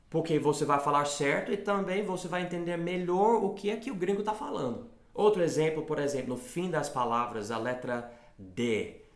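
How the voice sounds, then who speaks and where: Creaky-voiced man teaching. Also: fairly high pitch, roomy sound. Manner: explains slowly, repeats words for contrast. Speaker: English teacher and co-host. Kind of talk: casual bilingual lesson chat.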